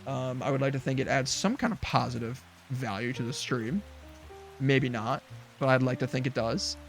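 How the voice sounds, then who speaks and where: A man's voice: medium pitch, normal speed, vocal fry, faint music behind. Rambling young-sounding man streaming a game. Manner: rambling, many fillers and restarts, chuckles. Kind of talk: casual gameplay chat.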